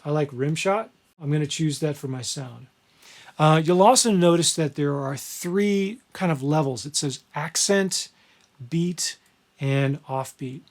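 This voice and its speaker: A man teaching a screen-recorded music software lesson, relaxed and conversational as he explains each step. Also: fairly high pitch. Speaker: music instructor.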